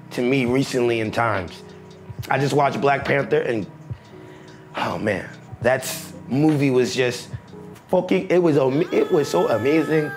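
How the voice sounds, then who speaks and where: A young man reviewing a movie in a casual, excitable chat, joking and swearing freely. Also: mid-range voice. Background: music.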